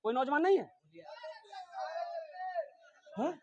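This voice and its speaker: A man's voice: extremely high pitch, expressive, slow, dull audio. A man preaching a fiery, humorous sermon with a fundraising appeal, in with a tinge. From Kolkata, India. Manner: theatrical, humorous, rousing, calls the crowd out. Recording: echoey loudspeakers, crowd noise.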